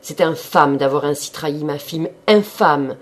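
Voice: medium pitch, fast talker, dark tone, close to an everyday voice. A reader voicing an older baron who rants with indignation, in an audiobook of a classic novel. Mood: outraged. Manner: indignant ranting. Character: older baron, outraged and fuming.

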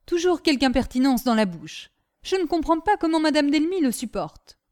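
A woman voicing a haughty, quick-tempered older lady who talks in an imperious, scolding way. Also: sits high, sing-song, darkish tone, voice pushed up.

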